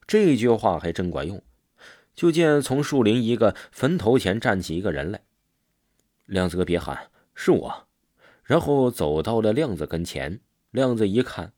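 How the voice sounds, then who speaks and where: A man telling a village ghost story in an animated storytelling manner. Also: fairly low pitch, no room sound, clean studio sound.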